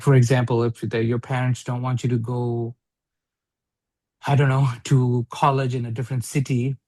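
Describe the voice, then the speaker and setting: A man with a warm, medium-pitched voice guides a single student through a religious text, reading along together. He keeps repeating and rewording his points, stopping to check understanding with brief questions. The recording is dry, with no room sound.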